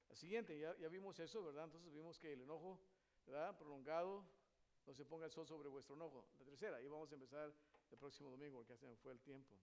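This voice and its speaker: A male pastor preaching a sermon, asking his congregation questions and moving between loud emphatic lines and quiet hushed ones. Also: fairly high pitch. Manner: addresses the congregation with frequent rhetorical questions.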